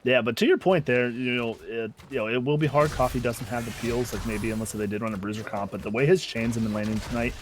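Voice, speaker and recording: A man's voice: mid-range voice, steady tone, fast, few pauses, slight background noise. A man co-casting an online video game match, chatting loosely with lots of fillers as he breaks down the plays. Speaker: esports co-caster. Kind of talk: esports color commentary.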